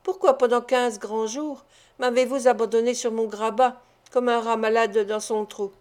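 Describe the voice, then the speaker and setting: A woman's voice: fairly high pitch, fairly even intonation, moderate pace, darkish tone, natural voice. Grumbling, menacing invalid thief, bitter and demanding, as a woman reads him in a storybook. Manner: growling, bitter.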